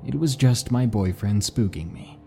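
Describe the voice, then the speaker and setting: A man narrating spooky stories in a slow, hushed, dramatic way. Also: on the low side, creaky, soft background music. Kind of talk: scripted story narration.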